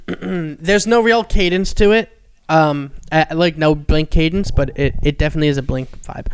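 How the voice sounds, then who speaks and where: A man co-hosting a comedy podcast in upbeat, casual chat, often pausing with fillers. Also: a little high, clean tone. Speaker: podcast co-host.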